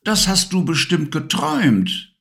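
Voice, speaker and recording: A man doing a patient mother in a children's audiobook, gently calming her son. The voice is raised a little above the reader's own and stays soft and even. She sounds warm and unhurried. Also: fairly high pitch, creaky, pitched above the performer's own voice, exaggerated voice. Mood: soothing. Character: calm, soothing mother.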